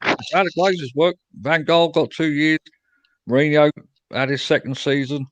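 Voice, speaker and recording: A man's voice: fairly high pitch, moderate pace, noisy background. A young man hosting a casual fan chat after a match, reading out viewer comments and answering them. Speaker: fan show host.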